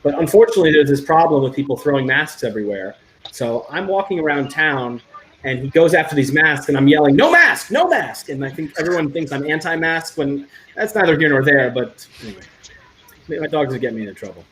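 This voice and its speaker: Animated man hosting a casual show. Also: a little high, brisk, a little hiss or hum. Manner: animated storyteller, joking. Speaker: show host. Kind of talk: casual chat.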